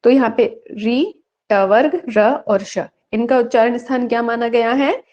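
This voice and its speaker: A woman teaching an online Sanskrit exam-prep class who poses questions and answers them herself, reciting rules slowly. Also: fairly high pitch, a little mellow, lo-fi sound.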